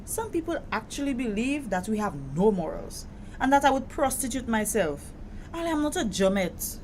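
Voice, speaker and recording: Defensive and indignant, the proud, hurt young Caribbean woman voiced by an actress in this audio drama talks emphatically at a moderate pace, her pitch very lively. The low-quality recording carries noticeable background noise, and the delivery is conversational.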